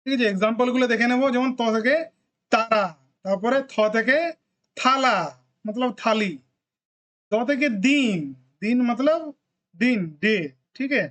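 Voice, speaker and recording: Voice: mid-range voice, measured pace, pauses often, fairly bright tone. Patient teacher drilling letter sounds. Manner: drills sounds one by one with frequent check-ins. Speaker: language teacher. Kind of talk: classroom lesson.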